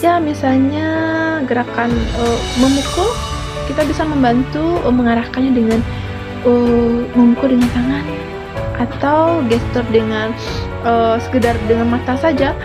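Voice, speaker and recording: A woman primary school teacher giving a video lesson to children, explaining gently and prompting with small asides. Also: a little high, measured pace, long pauses. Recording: music playing underneath.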